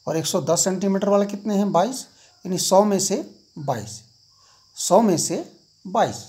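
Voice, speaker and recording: A man's voice: sits high, a little mellow. A middle-aged man teaching a school maths lesson, repeating key points and asking his students questions as he explains.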